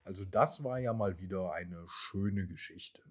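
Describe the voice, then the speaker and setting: A middle-aged man narrating a bedtime story for children in a slow, gentle way. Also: low-pitched, soft background music. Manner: slow, gentle, lively intonation.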